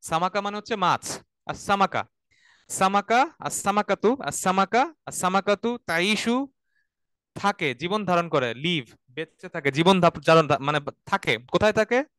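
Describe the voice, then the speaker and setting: A man's voice: sits high, animated, a little slow, fairly bright tone, clean tone, dry recording. A man teaching a Quranic Arabic class. He explains step by step and repeats words for students to say after him. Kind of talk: online class lecture.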